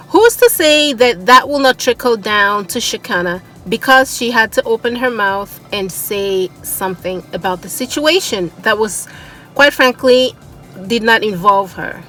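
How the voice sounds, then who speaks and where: A woman's voice: a little high, fairly bright tone, low-quality recording. A woman hosting a commentary video, reacting in a casual, exasperated way. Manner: exasperated, incredulous remarks. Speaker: commentary channel host.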